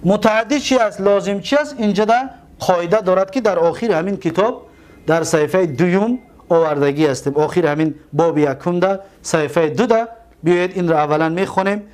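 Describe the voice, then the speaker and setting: A man with a fairly high voice and a Tajik accent teaches a grammar lesson. He drags out example words slowly and poses questions to the class that he answers himself. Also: a little mellow.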